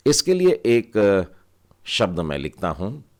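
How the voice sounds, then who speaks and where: Low-voiced man teaching Hebrew vowels. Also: huge pitch swings, takes it slowly, darkish tone. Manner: patient, explains step by step and asks learners to read along. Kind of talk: explaining Hebrew vowel signs to children.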